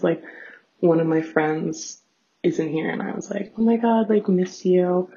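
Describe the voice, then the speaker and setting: A young adult woman with a raspy voice and vocal fry, chatting casually in a rambling, self-deprecating solo diary full of fillers. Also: on the low side, dark tone. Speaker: host of a personal audio diary. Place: small bathroom at home, sitting on floor. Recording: dull, lo-fi home recording.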